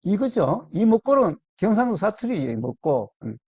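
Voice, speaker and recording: A man giving a Buddhist dharma talk, slow and deliberate, repeating key words and quizzing his listeners. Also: high voice, very animated, darkish tone, slightly rough, no echo, highs cut off. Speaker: Buddhist meditation teacher. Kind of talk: dharma talk to a small group.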